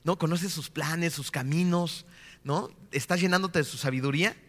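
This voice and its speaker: A man in his thirties, a pastor, preaching a sermon full of rhetorical questions and often slowing down to stress his key points. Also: fairly high pitch, long reverb tail. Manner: rhetorical questions with frequent tag "¿no?".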